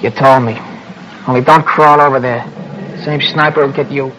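An actor playing a weary, wry, steady infantry soldier under fire in an old radio war drama. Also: male voice, medium pitch, moderate pace, natural voice. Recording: muffled old radio recording, noisy.

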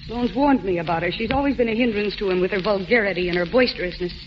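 An actress playing Mary, a rich, restless society wife in a 1940s radio drama, on a dull old recording. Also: female voice, medium pitch, fast talker, a little hiss or hum, close to an everyday voice. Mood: breezy.

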